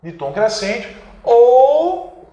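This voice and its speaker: A man's voice: very high-pitched, big pitch swings, extremely slow, warm tone, echoey room. A man with a Brazilian accent teaching an online grammar lesson for exam prep, emphatic, stretching key words and asking and answering his own questions. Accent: Brazilian Portuguese.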